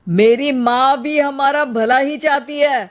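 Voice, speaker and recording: A man's voice: sits high, a little slow. Irritable young husband, man acting, blunt, cartoon. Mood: angry. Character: young husband, hot-tempered, frustrated.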